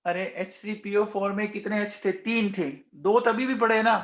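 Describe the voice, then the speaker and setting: High-voiced man teaching chemistry, echoey. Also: steady tone, moderate pace. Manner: coaxing, repeatedly quizzing students; raises voice, says he is shouting nonstop. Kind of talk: live online class lecture.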